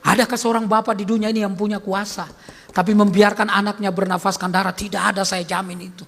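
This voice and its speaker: Bright-voiced man preaching, big hall echo. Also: high-pitched, little pitch movement, quick pace. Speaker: pastor. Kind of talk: sermon. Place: church service hall. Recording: long church-hall reverb.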